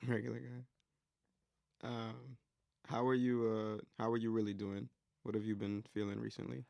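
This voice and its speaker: Flat, gravelly-voiced young male interviewer. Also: lowish voice, measured pace, no room sound. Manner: laughing, easygoing, reflective questioner. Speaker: interviewer, host. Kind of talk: casual interview chat.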